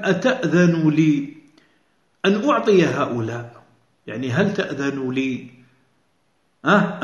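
A man teaching a religious lesson, explaining a text patiently, often repeating key phrases and pausing to rephrase. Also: on the high side. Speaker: sheikh teaching a hadith lesson. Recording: echoey room, dull lo-fi sound.

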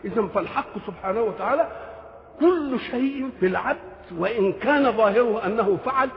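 A man's voice: extremely high pitch, lively intonation, brisk. Older Egyptian man lecturing in a hall. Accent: Egyptian Arabic. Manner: rhetorical questions, shifts between formal and colloquial speech. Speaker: Quran commentator. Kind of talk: religious commentary lecture. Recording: dull lo-fi recording in a reverberant hall.

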